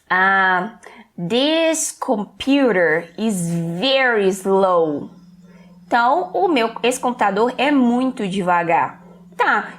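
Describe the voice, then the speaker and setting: Lively Brazilian woman teaching English. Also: fairly high pitch. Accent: Brazilian Portuguese. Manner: slow, careful reading of English example sentences; lively, chatty explaining. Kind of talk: online English lesson.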